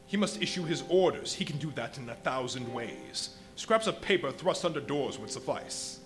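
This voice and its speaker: An actor in a live radio play playing a ruthless, megalomaniac invisible scientist, speaking in an imperious, deliberate, menacing way. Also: male voice, a little high, expressive, natural voice. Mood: coldly menacing. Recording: live stage recording with music underneath. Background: music.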